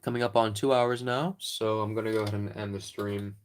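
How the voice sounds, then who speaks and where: A man casually chatting on a livestream while crafting props, rambling and relaxed, sometimes talking while eating. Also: lowish voice, fairly quick, smooth. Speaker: streamer making props. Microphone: close mic.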